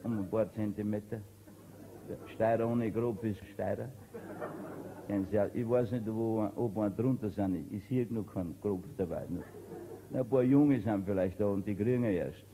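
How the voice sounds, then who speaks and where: Upper Austrian male comedian, stammering dialect storyteller, dark mellow voice, faint noise behind; live comic monologue. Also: fairly low pitch, rough recording. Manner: stammering storyteller, dialect joke-telling with quoted exchanges. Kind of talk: stand-up folk comedy monologue.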